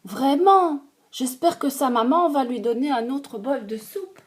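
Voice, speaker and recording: A woman voicing a curious, polite little girl with a bright, raised voice. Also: sits high, expressive, measured pace. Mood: fond.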